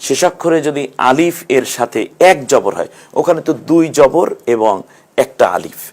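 A man's voice: medium pitch, a little mellow. A man teaching Quran recitation rules in an online lesson, explaining patiently and chanting short verse examples.

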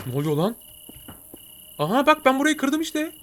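A man voicing an excitable, jokey male cartoon cat who comments on a game and talks to his viewers. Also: extremely high pitch, normal speed, heavily acted. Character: chatty male cartoon cat gamer, jumpy. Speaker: gameplay commentator. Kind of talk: let's-play commentary.

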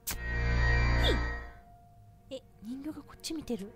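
High-pitched woman from Japan, game streamer, thinks aloud, jumpy and nervous, game music behind. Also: lively intonation, a little slow. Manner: thinks aloud, nervous and easily startled, talks to herself. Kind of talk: casual horror game let's play commentary.

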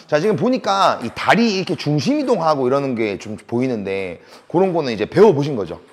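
A man's voice: mid-range voice, sing-song, fairly quick, a little hiss or hum. A man coaching a student at table tennis, praising often, counting rhythm aloud and teasing her. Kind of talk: on-court lesson, coaching a student.

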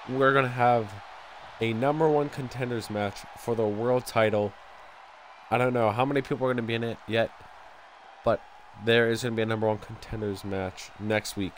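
Recorded at home on a desk mic with slight background noise, a young man with a stuffy nose and a mid-range voice commentates excitedly on a wrestling video game. His play-by-play keeps bursting into loud exclamations.

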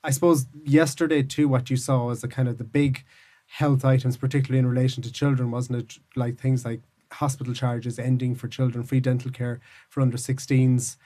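An Irish man, a political correspondent, giving measured, hedging analysis in a news podcast. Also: medium pitch, flat delivery, warm tone. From Ireland. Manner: measured, hedging, thinks aloud.

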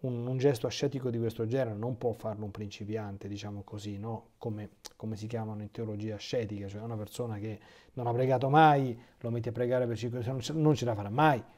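Here an Italian priest's voice sits fairly low and moves at a fairly quick pace. During his catechesis talk he reads from a text, often stopping to add spirited improvised comments.

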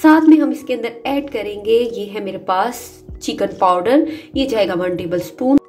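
A woman's voice: medium pitch, moderate pace, soft background music. A woman hosting a cooking channel, narrating a recipe step by step. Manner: steady instructional narration. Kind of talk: recipe voice-over.

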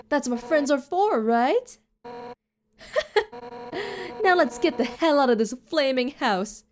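Brief: a woman putting on a tough, rowdy fish-warrior gal for a game read, higher pitch. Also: darkish tone, slight background noise. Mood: threatening cheerfully. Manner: tough, boisterous, calls listener punk. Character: brash fierce female fish warrior.

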